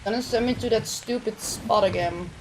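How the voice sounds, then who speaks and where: A woman's voice: mid-range voice, moderate pace. A young woman streaming a game from home, chatting casually with her viewers and swearing now and then. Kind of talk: casual live-stream chat while gaming. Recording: rain noise behind the voice.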